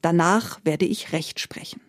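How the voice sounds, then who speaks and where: A wise old-fashioned village judge speaks in calm, measured sentences, as a woman storyteller puts him on. The recording is dry and close. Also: lowish voice, dry recording, natural voice.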